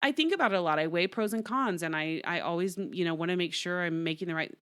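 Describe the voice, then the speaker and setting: A woman's voice: on the low side, quick pace, fairly bright tone, clean tone, no echo, studio quality. Wanita paruh baya yang santai dan terus terang, suara agak rendah, rekaman kering. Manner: candid, chatty, laughs often. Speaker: guest, entertainment reporter. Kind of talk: casual interview chat.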